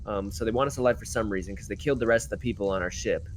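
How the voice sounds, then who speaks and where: A man's voice: fairly low pitch, very fast, slight background noise. A man talking casually as a tabletop game player, working out plans with the group. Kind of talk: casual in-game planning chat.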